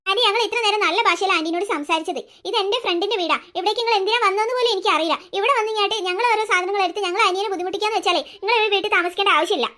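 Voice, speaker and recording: A bold, caring cartoon big sister, as a woman acts her out who stands up for her little brother in an outspoken way. She talks fast in a very high, bright voice. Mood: defiant. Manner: protective, quick, outspoken.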